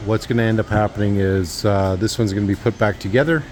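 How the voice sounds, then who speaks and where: A man's voice: lowish voice, fairly even intonation, fast talker, a little mellow. A man giving a casual walkthrough of a repair shop, rambling with lots of uhs and restarts. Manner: rambling, filler-heavy, with restarts. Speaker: vlogger giving a shop update.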